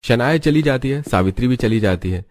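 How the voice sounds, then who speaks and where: A man giving scripted, even narration for a cartoon story. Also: medium pitch, a little fast.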